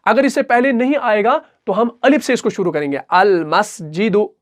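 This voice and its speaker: High-voiced man teaching recitation rules. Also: sing-song, a little fast. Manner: patient, repetitive, asks and answers his own questions. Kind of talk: explanatory recitation lesson.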